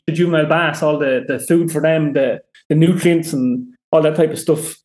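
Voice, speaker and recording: A man with an Irish accent, a podcast guest telling fishing stories in a rambling, animated way with many fillers. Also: fairly high pitch, normal speed, echoey room. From Ireland. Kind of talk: casual chat.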